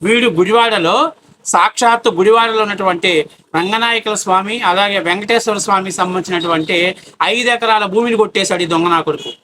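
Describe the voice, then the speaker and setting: A man delivering an angry, abusive political rant, taunting his target with rapid rhetorical questions. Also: sits high, bright, forceful tone, a little hiss or hum. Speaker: political commentator.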